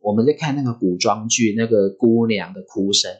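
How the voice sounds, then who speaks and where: A man, hosting a podcast and telling a story in a vivid, animated way. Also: lowish voice, moderate pace, husky. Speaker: podcast host.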